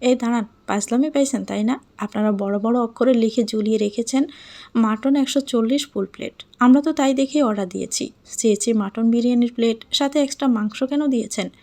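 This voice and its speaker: Woman doing fiery young heroine in a story, scolding and indignant, highish voice. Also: brisk, warm tone, close to an everyday voice. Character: young woman heroine, hungry, feisty, quick-tempered.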